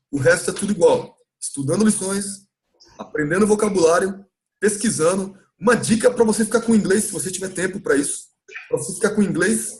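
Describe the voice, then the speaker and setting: A Brazilian man with a notably high-pitched voice leads a live English lesson. He explains patiently and drags out words slowly so that listeners can copy the pronunciation. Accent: Brazilian Portuguese. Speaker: English teacher. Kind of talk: live online class recap.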